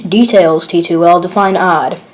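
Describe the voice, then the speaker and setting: A woman's voice: lowish voice, slow. A woman voicing a stern male military commander giving clipped orders over the radio, in an amateur read-aloud of a horror log. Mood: curt.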